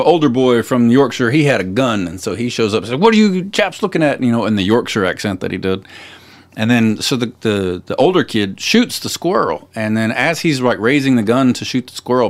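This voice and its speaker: A man co-hosting a podcast, chatting casually and retelling a story with lots of fillers and restarts. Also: medium pitch. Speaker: podcast co-host. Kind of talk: casual chat.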